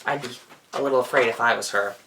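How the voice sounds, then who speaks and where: Here the pace is quick, and the medium-pitched voice sounds pushed and bright against slight background noise. A feminine-sounding drag performer and storyteller delivers a theatrical, dramatic reading of a children's storybook, with playful asides.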